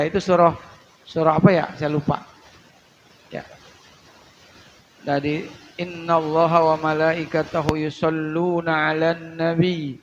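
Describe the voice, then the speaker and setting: A male preacher, giving a religious lesson and drilling pronunciation by slowly repeating and correcting words. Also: on the high side, dull audio, slight background noise. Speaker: Islamic preacher teaching prayer recitation. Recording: long hall reverb.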